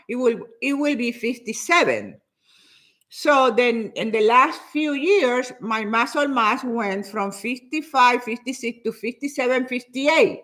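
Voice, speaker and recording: A woman in her seventies whose first language is Spanish chats casually with her viewers about fitness, repeating words as she goes. Her voice is a little high, her manner lively, and she mentions that she talks fast.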